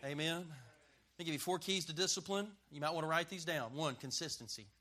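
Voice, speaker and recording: A middle-aged man preaching with a high, cutting voice that rings sharply at the top. He hammers each point home, trades quips with his listeners and leans on call-and-response. He is a pastor in full sermon mode. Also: a little fast, bright, forceful tone. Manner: emphatic, punchy and joking, with call-and-response.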